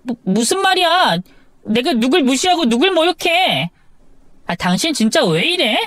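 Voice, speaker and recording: A woman's voice: high-pitched, very animated, normal speed, a bit bright, no room sound. A woman voicing a young wife who stammers, protests and pleads with her husband in an audio drama story. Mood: defensive. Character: young wife, defensive then pleading, flustered.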